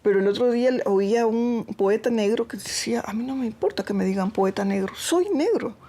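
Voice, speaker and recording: A woman with an Ecuadorian Spanish accent, speaking in a thoughtful, measured way in a documentary interview. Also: on the high side, dark tone.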